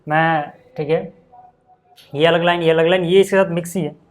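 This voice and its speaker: A man's voice: fairly high pitch, steady tone, moderate pace. A man teaching maths at a board, chatty and explaining step by step, often asking if the class follows. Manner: chatty, asks check-in questions.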